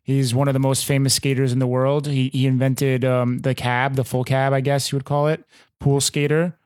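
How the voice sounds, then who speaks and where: A young American man from New York, chatting casually as a guest and teaching how to say names, in a relaxed, slangy way. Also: mid-range voice, normal speed, dry recording, clean studio sound. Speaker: guest teaching name pronunciation. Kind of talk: casual chat.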